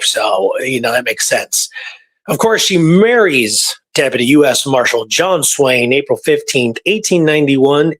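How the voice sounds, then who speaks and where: This podcast host's history talk is casual and conversational; he explains informally and repeats points for emphasis. His mid-range voice has a fairly bright tone.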